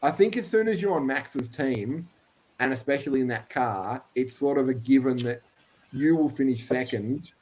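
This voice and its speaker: A man's voice: medium pitch, normal speed, a little mellow, poor audio. A man co-hosting a casual motorsport chat, joking and chatty, filling his talk with "you know". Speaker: podcast co-host.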